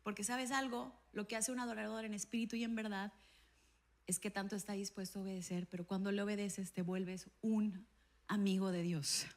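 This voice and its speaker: A woman pastor preaching a sermon and telling a personal testimony, acting out the dialogue in her stories with an animated voice. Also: mid-range voice, brisk. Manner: animated storytelling, acts out dialogue with a raised voice.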